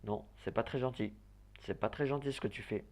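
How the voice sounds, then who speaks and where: A man giving casual gameplay commentary, chatting, swearing and muttering quick orders at the characters on screen. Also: medium pitch, creaky, darkish tone. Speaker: let's play gamer.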